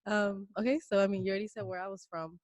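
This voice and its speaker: A woman from Puerto Rico co-hosting a casual podcast, relaxed and teasing, laughing easily. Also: mid-range voice, fast talker, no room sound. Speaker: podcast co-host. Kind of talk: casual chat.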